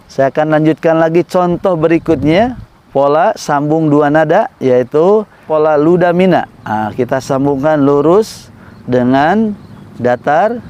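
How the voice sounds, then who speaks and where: A man teaching Quran recitation melodies, explaining slowly and patiently and chanting sung examples. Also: on the high side, darkish tone, lo-fi sound, slight background noise. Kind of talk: recitation tutorial.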